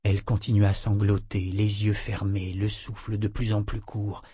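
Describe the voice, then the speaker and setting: A man narrating an audiobook in a measured, dramatic way. His voice is dark and mellow with a husky grain, and the recording is dry and close. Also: lowish voice, little pitch movement, no room sound.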